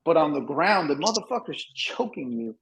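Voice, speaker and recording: Animated storytelling man, slightly high voice. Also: moderate pace, slight background noise, low-quality recording. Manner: animated, swearing, says "bro" a lot. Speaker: podcast co-host. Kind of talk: casual storytelling chat.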